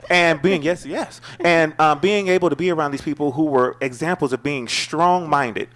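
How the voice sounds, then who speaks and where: A middle-aged man talks casually as a talk show guest. He tells his stories in a playful, animated way and jokes with the host. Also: a little high, normal speed. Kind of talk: casual chat.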